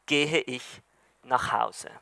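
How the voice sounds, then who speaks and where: A man's voice: mid-range voice, extremely slow, gravelly, pushed and bright, no echo, pitched below the performer's own voice, heavily acted. A man reading the lines of a proud, bitter dead man who scorns mercy, indignant and scornful. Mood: defiant.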